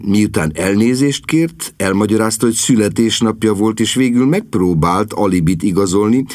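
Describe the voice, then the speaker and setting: A man narrating a comic novel as an audiobook, wry and expressive. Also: fairly low pitch, no room sound, studio quality. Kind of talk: scripted narration.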